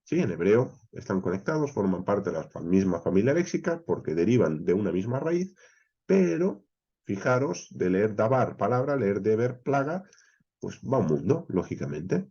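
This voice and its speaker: A man from teaching a Bible class, explaining step by step, with frequent "eh" pauses, often checking in with "¿vale?" and "¿bien?". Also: lowish voice, very animated, warm tone, breathy edge, lo-fi sound. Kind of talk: expository Bible class lecture.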